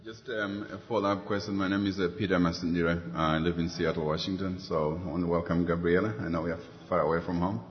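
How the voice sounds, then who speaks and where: A man's voice: deep voice, little pitch movement, quick pace, few pauses. A man from Zimbabwe, asking a polite follow-up question from the audience and searching for his words. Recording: reverberant hall, dull lo-fi sound.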